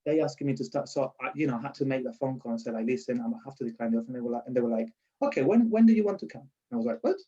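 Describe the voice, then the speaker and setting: A lecturer from Spain, speaking with a strong Spanish accent, is being interviewed casually and tells stories, restarting sentences and laughing along the way. His mid-range voice is mellow with lively intonation, and he talks very fast with few pauses. The audio sounds dull.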